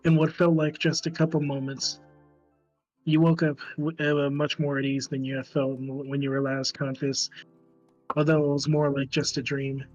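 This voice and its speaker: A man's voice: fairly high pitch, flat delivery, normal speed, darkish tone, highs cut off, soft background music. Giggly man reading game text aloud. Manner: reads narration, breaks off giggling, swears casually. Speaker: streamer reading a visual novel aloud. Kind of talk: casual reading aloud with chat asides.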